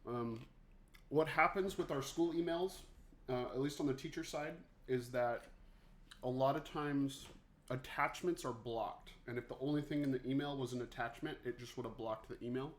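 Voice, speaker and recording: A man's voice: medium pitch, normal speed. Chatty male music teacher on stream. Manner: chatty, joking, talks to viewers by name. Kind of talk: casual livestream office hours.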